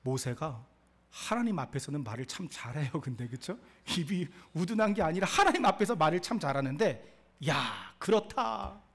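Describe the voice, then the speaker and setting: A man's voice: on the high side, lively intonation, brisk. A male pastor preaching a sermon, asking the congregation questions and acting out God's lines.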